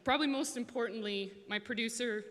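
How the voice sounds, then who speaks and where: A woman from Alberta accepting an award, speaking with grateful emotion and halting, filler-filled phrasing. Her voice is bright and clear. It echoes through a large hall with long reverb. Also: fairly high pitch. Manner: emotional, thankful, hesitant with fillers. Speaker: award winner. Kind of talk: acceptance speech. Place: large event hall stage.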